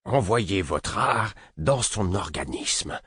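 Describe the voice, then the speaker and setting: A man voicing a stern older male mentor who gives curt orders and shouts in anger, reading an audiobook. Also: deep voice, lively intonation, slow, husky, voice pushed up, heavily acted. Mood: commanding. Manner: curt and commanding, rising to shouts.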